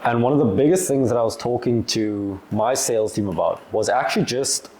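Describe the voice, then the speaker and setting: Young male business vlogger, twenties, warm relaxed tone, easygoing, filler-heavy delivery. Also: medium pitch, fairly quick. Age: 20s. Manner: loose and chatty, lots of "like", acts out little dialogues. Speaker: agency owner giving business advice. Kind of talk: casual talking-head Q&A.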